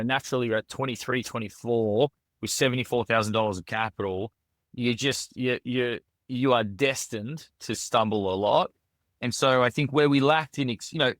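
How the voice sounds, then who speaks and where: A man's voice: medium pitch, no room sound, clean studio sound. A man with an Australian accent, a restaurant founder speaking as a guest in a casual podcast interview, earnest and full of "you know" fillers and restarts. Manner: earnest, with frequent fillers and repeated words.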